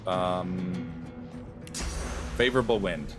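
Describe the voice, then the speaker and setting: Deep-voiced streamer rambling over music. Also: male voice, slow. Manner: rambling, filler-heavy. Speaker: streamer playing a game. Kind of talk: casual gameplay commentary. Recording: commentary over loud game music.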